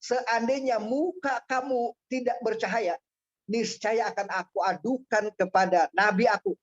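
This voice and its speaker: A preacher doing an earnest mountain villager. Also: male voice, very high-pitched, steady tone, measured pace, highs cut off.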